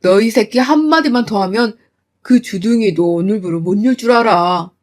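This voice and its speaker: A woman's voice: mid-range voice, a little fast, warm tone, lightly acted. A woman voicing an enraged middle-aged father who growls threats.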